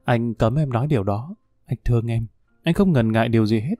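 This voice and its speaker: A man voicing a gentle young soldier in a read-aloud story, speaking softly and earnestly with a warm, dark tone. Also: mid-range voice, lively intonation, brisk, no room sound, studio quality, faint music behind, natural voice. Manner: soft, earnest dialogue reading.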